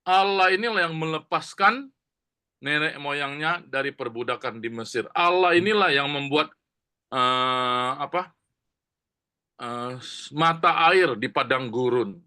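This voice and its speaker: Brief: male preacher, slightly high voice, casual sermon storytelling with asides to the congregation. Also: measured pace, long pauses, bright, forceful tone, smooth. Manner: conversational storytelling, many fillers and asides to the congregation. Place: church.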